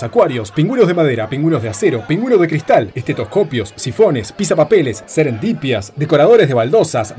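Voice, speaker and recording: A man voicing a brash auctioneer who chants bids loudly in a surreal audio drama. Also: fairly high pitch. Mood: pitching. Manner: loud, chanting, repetitive bidding calls. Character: brash, rapid-fire male auctioneer.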